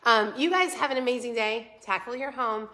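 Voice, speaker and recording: Congested from a cold, this woman in her forties chats with viewers and responds to their comments while promoting a home planner on her vlog livestream. She speaks at a normal speed in a slightly high voice, her tone bright, forceful, and encouraging.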